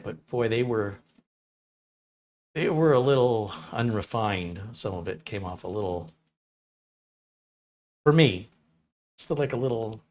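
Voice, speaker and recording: A middle-aged man hosting a live stream, chatting casually and rambling through stories, acting out the lines he quotes in different voices. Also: mid-range voice. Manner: rambling storyteller who acts out quotes in voices. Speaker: live stream host reading chat. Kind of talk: casual chat.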